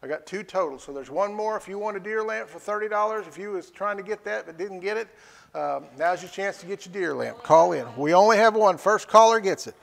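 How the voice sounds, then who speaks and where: Guy running a live auction, folksy, high scratchy voice, big echoey hall. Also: lively intonation, a little fast, creaky. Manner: folksy, repeats prices and phrases. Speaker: live stream auctioneer and host. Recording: echoey hall with long reverb.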